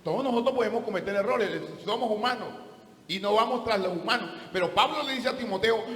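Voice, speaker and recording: High-voiced preaching pastor, echoey hall. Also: male voice, a little fast, fairly bright tone, slight background noise. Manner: preaching with emphatic rhetorical questions. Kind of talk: sermon.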